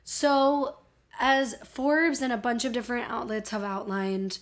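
A woman's voice: on the high side, unhurried. A woman with a Miami accent hosting a casual solo podcast, talking in an informal, playful and self-deprecating way. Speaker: podcast host.

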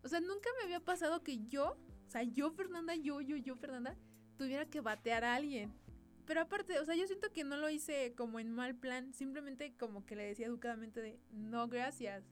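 A woman's voice: high voice, brisk, soft background music. A young woman with a Mexican accent, telling an exasperated, slangy story as a podcast host. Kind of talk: casual storytelling monologue.

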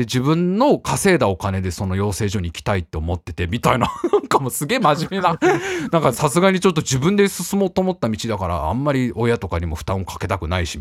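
A man hosts a talk show and spins a story at a quick clip, his voice leaping up and down as he goes. He laughs often in a casual, chatty way, and the sound is dry and close. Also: medium pitch, no echo. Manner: animated, laughing often, lively retelling. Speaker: radio show host.

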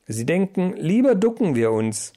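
A man's voice: sits high, very animated, normal speed, dark tone, pitched above the performer's own voice. A man doing a grave, wise old-world mouse.

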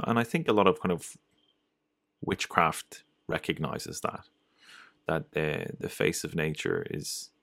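A man's voice: sits low, gravelly, a bit bright, no echo. A man giving a casual, loosely structured lecture on folklore, often restarting his sentences. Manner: loose and digressive, with frequent restarts and fillers.

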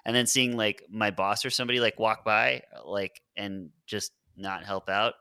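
A man in casual podcast chat, reflecting in halting speech full of fillers. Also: fairly low pitch, steady tone, bright, forceful tone, smooth, dry recording. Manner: halting, many filler words. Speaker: podcast guest, former band member.

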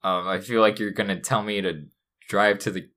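A man's voice: on the low side, fairly even intonation, moderate pace, pushed and bright. A young man co-hosting a casual comedic chat, playful and mock-serious, often laughing. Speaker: podcast co-host.

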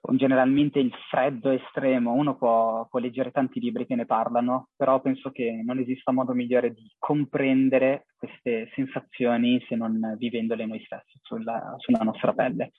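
A young man giving an earnest, halting, reflective personal account as an interview guest. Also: medium pitch, no room sound. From half Syrian family. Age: young adult. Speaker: interviewee, charity cycling traveller. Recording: thin phone-like call audio, husky dry sound.

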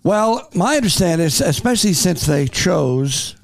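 Gravelly folksy talk show host. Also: male voice, sits high, animated, moderate pace, no room sound. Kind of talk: casual talk show chat.

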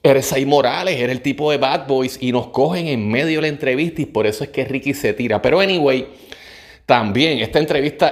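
A man, hosting a podcast and chatting informally while he introduces an interview. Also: mid-range voice. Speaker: podcast host.

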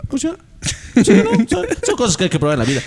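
A man's voice: very high voice, huge pitch swings, fast talker, darkish tone. A man, a podcast guest telling stories in casual chat and laughing as he acts out the voices of others. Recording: long reverb, faint background noise.

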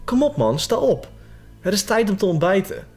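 A man voicing a brisk, cheerful male camp owner in a horror story, talking in a breezy, teasing way. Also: high-pitched, big pitch swings, darkish tone, soft background music, voice pushed up.

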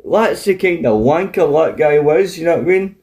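This Scottish man's voice is a little high and expressive, with a darkish tone and normal speed. He chats away casually in a broad accent, spinning animated, sweary, colloquial yarns.

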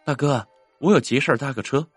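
A man's voice: mid-range voice, fast talker, breathy edge, dry recording, soft background music, pitched above the performer's own voice, natural voice. A man voicing a confident young woman in her mid-twenties who works as a driving instructor. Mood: insistent.

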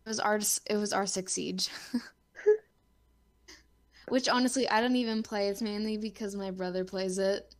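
A woman's voice: medium pitch, steady tone, moderate pace, long pauses. A young woman hosting a casual podcast chat, talking loosely with lots of fillers and restarts. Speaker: podcast host.

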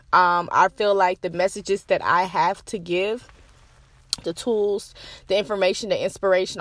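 A woman's voice: mid-range voice, no room sound. Upbeat motivational woman podcast host. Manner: upbeat, motivational, slightly breathless after a walk. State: a little out of breath. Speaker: podcast host and life coach.

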